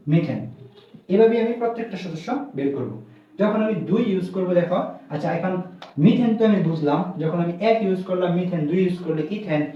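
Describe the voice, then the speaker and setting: A male chemistry teacher from Bangladesh speaking, giving a recorded lecture and answering his own questions. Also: high-pitched. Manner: asks the students questions and answers them himself. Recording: very echoey room, distant mic, muffled sound.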